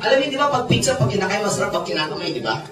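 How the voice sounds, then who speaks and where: A man in his forties with a Filipino accent, a network marketing mentor telling stories to a seminar audience, animated and joking with the crowd. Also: sits high, very fast, over music. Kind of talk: Taglish seminar storytelling. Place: seminar hall with a large audience. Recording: echoey hall, distant mic, loud crowd.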